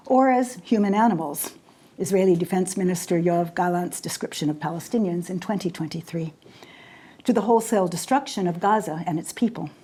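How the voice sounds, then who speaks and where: A woman in her sixties who grew up in Jordan, a poet and scholar giving a formal lecture in a measured, deliberate way with weighty pauses. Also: on the low side, dark tone, breathy edge. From raised in Jordan. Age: 60s.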